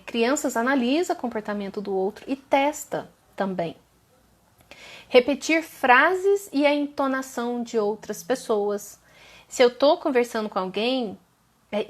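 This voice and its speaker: Woman from Brazil, fairly high voice, chatty lecturer who keeps asking "ok?". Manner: chatty, often checks in with "ok?" and "tá?". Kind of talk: informal online lecture.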